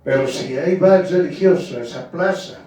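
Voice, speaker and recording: Male preacher, slow and emphatic, somewhat high voice, recorded in a very echoey space far from the mic. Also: a little mellow. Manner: addresses listeners as "hermano", firm emphatic preaching. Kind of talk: sermon.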